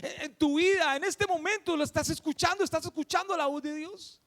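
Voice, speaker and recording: A man's voice: very high voice, a little fast, fairly bright tone, big-room sound. A man preaching a sermon, emphatic and full of rhetorical questions.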